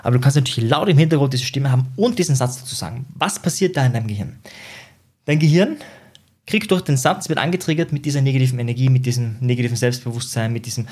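Husky, direct male self-help coach. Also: medium pitch, fast, darkish tone. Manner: direct, talks straight to the listener, frequent tag questions. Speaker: psychologist and coach. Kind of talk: motivational self-help lesson.

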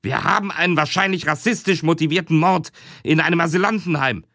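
A man playing a blustering police chief, barking orders, quick and raised, crime audiobook. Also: on the high side, pushed and bright, no echo, clean studio sound, voice pushed up. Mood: angry. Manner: barking, impatient. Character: irate, pompous male police chief.

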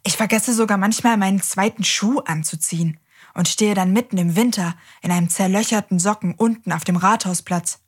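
Breathy kids show host lady, cheerful and reassuring, talks right to the kids. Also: medium pitch, fairly quick. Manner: cheerful and reassuring, addresses children directly. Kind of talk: children's show presenting.

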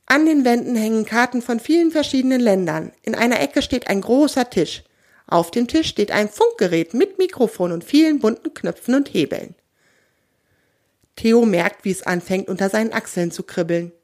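A woman's voice: a little high, lively intonation, moderate pace, a little mellow. Woman reading a children's story.

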